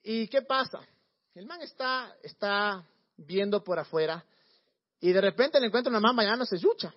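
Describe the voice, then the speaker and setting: A man preaching in a casual storytelling way, slangy and animated, often repeating words. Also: sits high, normal speed, highs cut off.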